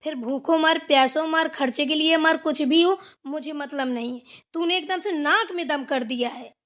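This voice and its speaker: Brief: a woman doing a stern cartoon saas, high and bossy, scolds without pause. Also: fairly bright tone. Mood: scolding. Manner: scolding, bossy, repeats "theek hai na". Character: stern scolding Hindi mother-in-law, fasting and irritable. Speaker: voice actor. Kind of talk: Hindi cartoon voice acting.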